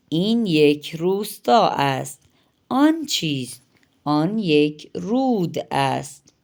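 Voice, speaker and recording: A woman teaching Persian vocabulary in Urdu. She says each new word slowly and asks each practice question in a raised voice. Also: low-pitched, a little mellow. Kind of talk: language lesson.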